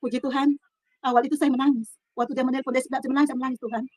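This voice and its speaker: A middle-aged woman giving an earnest personal testimony in her own room, halting and restarting, swinging between soft and loud. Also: high voice, little pitch movement, no echo. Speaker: testimony speaker.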